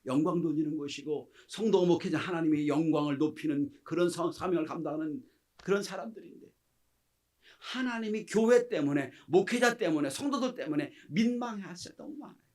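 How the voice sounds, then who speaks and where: A middle-aged man preaching in a fairly high, ringing voice. He delivers his sermon with passion, acting out quoted speech. He swings from loud exclamations down to hushed near-whispers. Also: fairly quick. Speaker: pastor.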